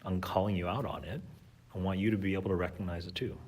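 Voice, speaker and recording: Fast and low-pitched, this man's voice has fairly even intonation and a darkish, slightly rough tone. He is a teacher guesting on a podcast, reflecting earnestly and thoughtfully in conversation while using fillers and restarting sentences.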